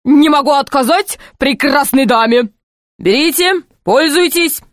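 A woman's voice: sits high, unhurried, no room sound, clean studio sound, pitched above the performer's own voice. A woman voicing a pompous, boastful middle-aged knight, a marquis, who speaks in a grand, self-important way.

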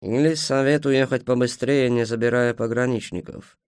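A man voicing a gloomy, shrewd young male fiddler who speaks in a grim, measured way in an audiobook. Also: mid-range voice, steady tone, darkish tone, clean tone, no room sound, studio quality, close to an everyday voice.

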